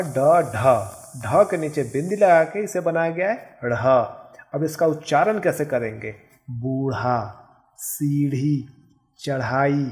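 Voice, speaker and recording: A male teacher giving a Hindi grammar lesson, explaining step by step and saying example words slowly and carefully. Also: fairly high pitch, a little mellow. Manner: explains step by step, often checking with "ठीक है". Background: background noise.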